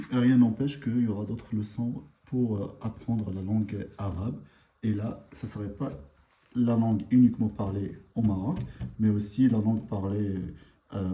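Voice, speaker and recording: Guy teaching a live lesson real slow, lots of ums, very dark mellow voice, echoey room w/ faint hiss. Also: lowish voice. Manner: unhurried, hesitant, many fillers. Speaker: language teacher. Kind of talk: live online language lesson.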